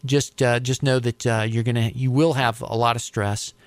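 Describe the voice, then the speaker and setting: A middle-aged American man, interviewed informally, describes his career as an air traffic controller in a conversational way, often repeating words as he gathers his thoughts. His medium-pitched voice is flat at a normal speed, with no room sound.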